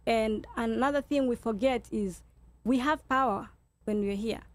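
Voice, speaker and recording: Woman, Kenyan accent, somewhat high pitch, emphatic, repetitive phrasing, talk show guest. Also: unhurried. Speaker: guest speaker, nurse leader.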